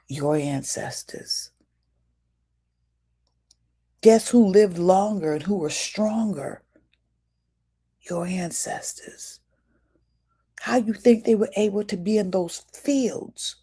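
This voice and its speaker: A woman's voice: medium pitch, takes it slowly, mellow, slightly rough. A woman hosting a live talk for her viewers, putting questions to them and calling them y'all in a casual, preachy way. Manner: preachy, asks the audience questions; casual, addresses listeners as y'all. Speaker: host. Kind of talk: livestream talk to an audience.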